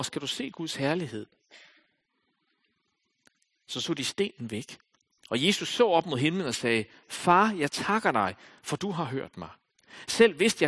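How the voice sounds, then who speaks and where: Preaching a sermon, a male pastor reads a scripture passage aloud and then talks it through, his delivery climbing to loud calls and dropping to hushed, near-whispered lines. The voice is a little high and husky.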